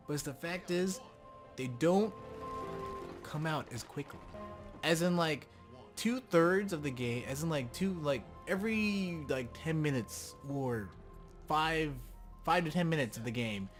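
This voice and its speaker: A man's voice: on the high side, animated, unhurried, soft background music. A man giving casual, unscripted gameplay commentary, rambling and complaining in an exasperated way with emphatic repeats. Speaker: gamer commentator.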